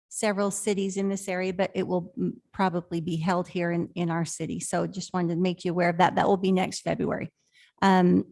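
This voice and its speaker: A woman on a city council giving steady, informative announcements. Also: fairly low pitch. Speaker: council member. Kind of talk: council meeting.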